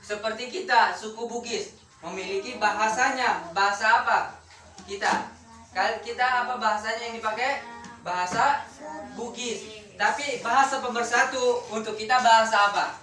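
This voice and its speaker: A woman's voice: a little high, moderate pace, pushed and bright. A woman teaching a classroom lesson, firing questions at her pupils and repeating key words. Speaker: schoolteacher. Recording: roomy classroom heard from a distance.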